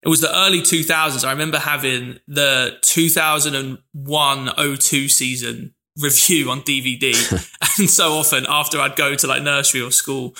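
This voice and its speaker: A man's voice: medium pitch, steady tone, moderate pace, few pauses, pushed and bright. A man, reminiscing easygoingly as a podcast co-host. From London, England. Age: 20s. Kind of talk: casual chat.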